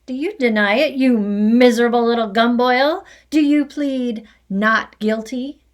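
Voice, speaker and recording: A woman voicing a cruel, domineering headmistress who barks and booms insults. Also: unhurried, lightly acted. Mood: shouting furious. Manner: barking, booming insults. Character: bullying hulking headmistress, loud and cruel.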